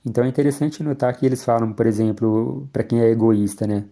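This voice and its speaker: A man's voice: mid-range voice, fairly even intonation, fast talker, gravelly, warm tone. A man, a psychologist giving an explanatory lecture and checking in with frequent tag questions.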